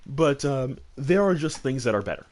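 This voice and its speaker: As host of a gaming discussion, a man chats casually and gives opinionated commentary, rambling and emphatic and often repeating phrases for stress. His medium-pitched voice is expressive and a little mellow, at a moderate pace.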